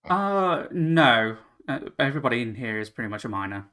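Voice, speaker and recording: A man narrating as game master of a tabletop game, halting with fillers and restarts. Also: medium pitch, big pitch swings, sharp tone.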